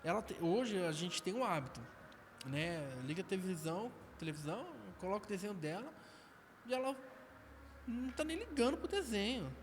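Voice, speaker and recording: Slangy Brazilian guest, noisy recording. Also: male voice, high-pitched, lively intonation, brisk. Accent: Brazilian Portuguese. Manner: storytelling, slangy, dark humor. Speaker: podcast guest. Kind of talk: casual testimony and chat.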